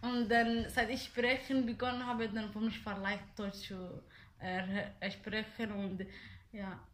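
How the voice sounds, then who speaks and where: A woman's voice: medium pitch, little pitch movement, takes it slowly, fairly bright tone. Hesitant young woman. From Somalia. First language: Somali. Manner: hesitant, many fillers and restarts. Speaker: interviewee. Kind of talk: casual interview answers.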